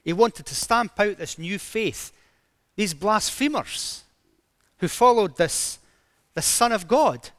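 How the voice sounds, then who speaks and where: A man's voice: high-pitched, lively intonation, slow pace, dry recording. A man preaching a sermon, retelling a story dramatically with emphatic rises in his voice.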